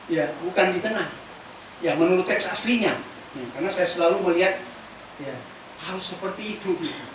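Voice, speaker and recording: A woman pastor preaching a sermon, lively and chatty, asking the congregation questions as she teaches. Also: medium pitch, noisy background. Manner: casual spoken Indonesian mixed with scripture teaching. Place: large church hall. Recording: very echoey church hall from far off.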